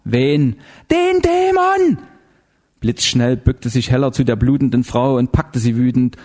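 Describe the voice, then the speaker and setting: A man narrating an audiobook in a measured, dramatic way. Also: mid-range voice, level tone, mellow. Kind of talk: scripted narration.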